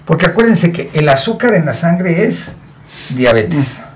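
A man's voice: a little high, big pitch swings, unhurried, a little hiss or hum. A man in his sixties with a Mexican accent, hosting a talk show and giving emphatic, preachy lifestyle advice. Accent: Mexican Spanish. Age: 60s. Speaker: radio show host. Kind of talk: casual advice chat.

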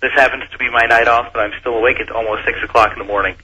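A man's voice: mid-range voice, steady tone, very fast, sharp tone, a little hiss or hum. A man from Missouri calling in to a radio show, his voice coming through a tinny, metallic tin-can phone line as he talks hesitantly with lots of fillers. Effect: tinny, metallic tin-can phone sound. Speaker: caller. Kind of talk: casual phone-in chat. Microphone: telephone.

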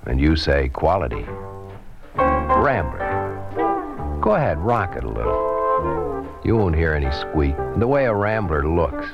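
A man announcing a vintage commercial in an emphatic, salesy voice, heard from an old archival recording. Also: low-pitched. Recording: dull lo-fi 1960s commercial with loud brass music.

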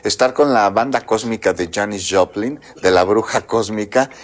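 A man hosts a radio interview with a lively, eager manner. He jumps in often with questions and admiring remarks. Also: on the low side, moderate pace. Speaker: radio host.

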